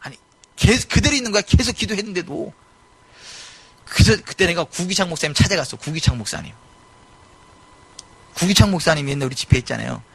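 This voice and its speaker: A middle-aged male pastor preaching a sermon in a church, animated and given to sudden loud exclamations. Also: sits high, fast, creaky, pauses often, husky. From South Korea. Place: church sanctuary.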